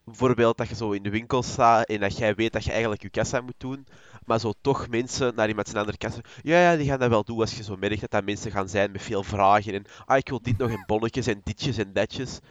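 A man's voice: fairly low pitch, steady tone, brisk, no echo, muffled recording. A young man, chatting on a podcast and often restarting his sentences. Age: young adult. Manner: rambling, with frequent restarts. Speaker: podcast co-host. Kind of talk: casual podcast chat.

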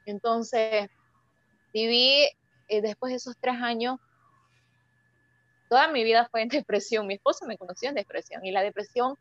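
A woman's voice: on the high side, fairly bright tone, dry recording. A young woman tells her own story as an interview guest, hesitating and restarting as she searches for words. Her voice comes through dull and lo-fi, in a dry space with no room sound. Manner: emotional, halting, many restarts. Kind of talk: personal testimony.

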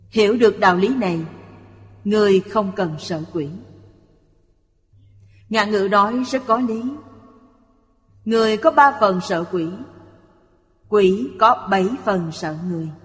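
A speaker reading a Buddhist sutra commentary aloud in a measured, explanatory way. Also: medium pitch. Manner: slow, even, explanatory delivery. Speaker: reader of a Buddhist lecture. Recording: long hall reverb.

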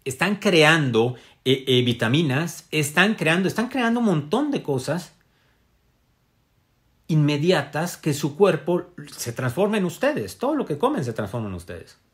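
A man's voice: a little high, big pitch swings, unhurried. A man giving a casual spiritual wellness talk to an audience. He speaks reflectively, with many fillers and tag questions. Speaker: motivational speaker.

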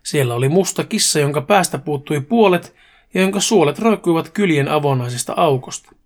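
A man's voice: a little high, expressive. Man reading a crude comic horror story. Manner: brisk storytelling with casual swearing. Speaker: podcast host.

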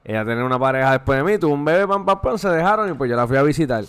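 A man's voice: medium pitch, very fast, clean tone. A man telling a crude story on a podcast, cursing freely. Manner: crude and animated, says cabrón constantly. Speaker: podcast co-host. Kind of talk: casual chat, crude anecdote.

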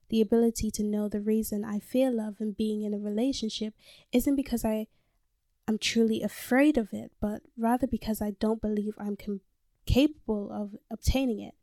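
Her voice is mid-range and dark, recorded at studio quality with no room sound. She's a nineteen-year-old London-born podcast host with a slight American tone, swearing freely and speaking candidly in a casual solo monologue from a small closet, handheld mic in hand.

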